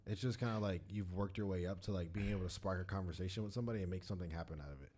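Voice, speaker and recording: This man talks fast in a casual podcast chat, and his voice is fairly low. He backs his friends up with easy slang and a steady stream of agreeing sounds. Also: a little hiss or hum. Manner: supportive, casual slang, quick backchannels. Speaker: podcast co-host.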